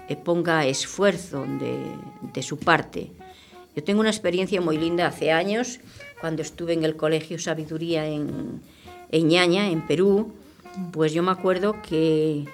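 An older woman, a missionary nun, speaking earnestly and unhurriedly in a radio interview, often repeating herself as she thinks. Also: low-pitched. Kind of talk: radio interview, reflective testimony. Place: radio studio.

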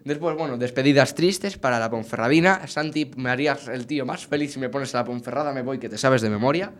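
A man's voice: mid-range voice, fast talker. A man with an accent from Spain, presenting football news in a casual, jokey chat with friends. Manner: animated, jokey news delivery.

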